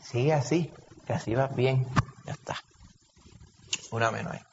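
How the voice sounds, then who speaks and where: A man's voice: medium pitch, moderate pace, creaky. A man with a Puerto Rican accent preaching a sermon in a conversational way, often asking his congregation questions. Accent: Puerto Rican Spanish. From Puerto Rico. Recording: dull lo-fi recording with long reverb and faint hiss.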